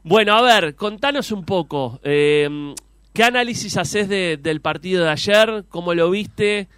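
A Uruguayan man interviews in an informal, conversational sports-show style. His voice is fairly high and very clear, with a dry, close sound. His questions wind along in several parts. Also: unhurried, fairly bright tone, no room sound.

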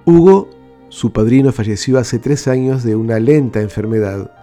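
A man hosting a radio program, calmly telling stories and reading out letters from listeners. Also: mid-range voice, normal speed, faint music behind. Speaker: radio host.

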